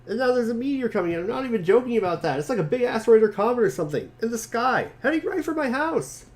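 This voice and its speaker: A man voicing an excitable, panicky teenage boy gamer in a dramatic reading of a webcomic. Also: extremely high pitch, pitched above the performer's own voice. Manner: rapid, rising, alarmed.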